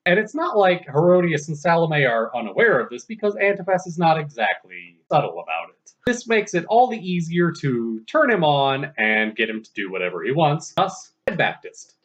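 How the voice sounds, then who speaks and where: A man's voice: a little high, big pitch swings, normal speed, few pauses, a bit bright. A man co-hosting a casual film review with dry, wry remarks, in a dull lo-fi recording.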